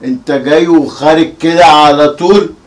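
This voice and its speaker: A man's voice: a little high, fairly even intonation, moderate pace, close to an everyday voice. A man playing a bullying drunk Egyptian father. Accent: Egyptian Arabic. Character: harsh drunken father, later remorseful. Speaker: actor. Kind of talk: amateur family drama. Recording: distant mic with music behind.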